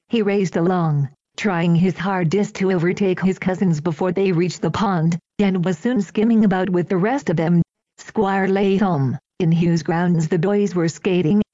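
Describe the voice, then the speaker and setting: A woman reading an old children's story aloud in a gentle, even storytelling manner. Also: lowish voice, no room sound. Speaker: audiobook reader. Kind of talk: storybook narration. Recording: dull, dry lo-fi recording.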